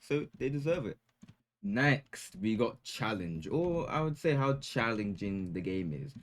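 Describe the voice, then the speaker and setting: A man's voice: fairly low pitch, sing-song, a little slow. Hyped young male gaming commentator. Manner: hyped, joking, slangy. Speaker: gaming YouTuber. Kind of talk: casual gameplay commentary.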